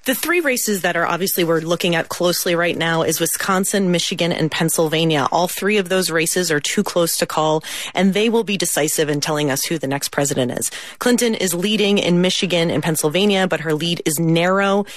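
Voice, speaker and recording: A woman working as a political correspondent, explaining live election analysis in a clear, orderly way. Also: on the low side, a little fast, no room sound.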